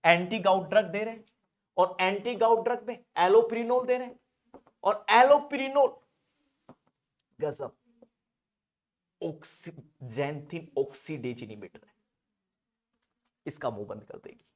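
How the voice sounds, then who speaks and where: A young man teaching nursing pharmacology in Hindi slang, joking and acting out little dialogues, often shouting. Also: high voice, sing-song, measured pace, long pauses. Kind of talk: animated classroom lecture.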